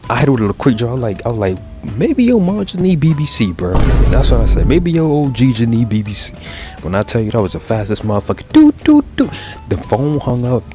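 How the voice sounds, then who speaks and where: Young man telling a rambling profane story. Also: mid-range voice. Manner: rambling, profane, animated retelling with filler. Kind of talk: casual story time over gameplay.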